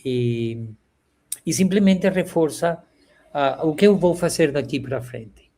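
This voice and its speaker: A Venezuelan man in his sixties speaks Portuguese with a Venezuelan Spanish accent as an interview guest on a video call. His voice is a little high and gravelly. He reflects slowly in a warm, halting way, with many pauses and the frequent filler "este."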